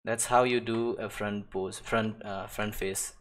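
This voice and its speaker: A man's voice: lowish voice, steady tone, a little slow. A man casually chatting on a live stream as he paints, rambling, laughing and trailing off into mumbles. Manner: rambling, self-interrupting, laughs and swears often; drifts into quiet mumbling to himself while working. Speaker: digital artist streaming.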